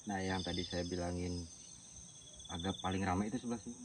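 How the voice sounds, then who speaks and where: Male vlog host, very low voice, Sundanese accent, halting conversational delivery, outdoors with loud cricket noise. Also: fairly even intonation, recorded from a distance. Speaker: host of a night exploration. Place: outdoors at a shrine cemetery at night. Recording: outdoor night recording, loud insect noise.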